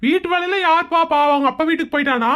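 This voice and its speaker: A woman's voice: very high voice, fast, very noisy. A woman voicing a harried middle-aged husband and son in a cartoon skit, pleading and soothing.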